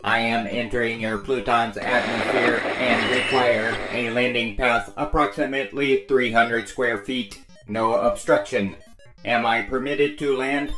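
An actor playing a literal-minded robotic alien pilot who speaks flat and repetitive through a static-filled line. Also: male voice, mid-range voice, measured pace, roomy sound, over music, natural voice, low-quality recording. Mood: mechanical.

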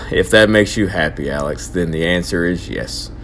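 An actor playing an excitable young man who rants theatrically about his odd grudges. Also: sits low, moderate pace, a little hiss or hum. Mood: goofy. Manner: dramatic, ranting, overblown. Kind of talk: hobby audio drama.

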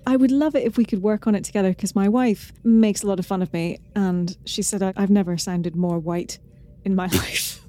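A woman's voice: mid-range voice, steady tone, moderate pace, warm tone. Bubbly woman co-hosting a podcast. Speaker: podcast co-host. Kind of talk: casual chat.

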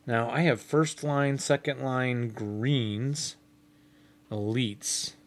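A man's voice: mid-range voice, steady tone, extremely slow. A man chatting casually as host of a hobby podcast with a partner. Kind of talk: casual co-hosted chat.

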